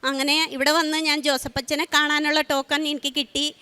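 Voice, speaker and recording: A middle-aged woman giving an emotional spoken testimony, halting often with fillers and restarts. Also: high-pitched, flat delivery, sharp tone. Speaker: testimony giver.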